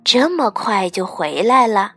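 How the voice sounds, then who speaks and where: A woman voicing a gentle mother bear in a storybook reading, speaking softly, calmly and patiently. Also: mid-range voice, a little slow, no echo, clean studio sound, faint music behind, full character voice. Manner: calm, soft and patient.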